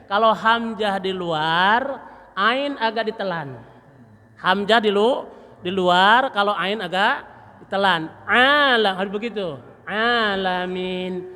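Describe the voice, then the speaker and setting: A man teaching Quran recitation at a mosque study session, demonstrating letter sounds and slowly chanting verses. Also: high voice, pushed and bright. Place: mosque hall. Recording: long reverb of a mosque hall.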